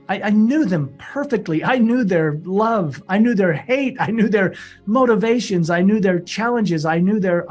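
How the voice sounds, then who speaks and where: A man telling a personal story in an earnest, halting way, often restarting and repeating words. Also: fairly high pitch, a little mellow, breathy edge. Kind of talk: emotional first-person storytelling.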